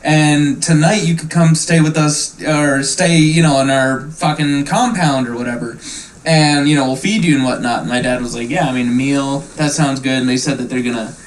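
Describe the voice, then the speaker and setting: A man's voice: medium pitch, normal speed, low-quality recording. A man hosting a casual podcast, telling a long story loosely and profanely. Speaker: podcast host. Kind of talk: casual stoner chat, storytelling.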